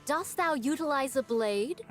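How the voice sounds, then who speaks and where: A high, unhurried game swordswoman, speaking in grand archaic phrases. She longs to cross blades and measures every word. Soft music plays underneath. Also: expressive. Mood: eager. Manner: old-fashioned courtly speech. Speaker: game character. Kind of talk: game voice acting.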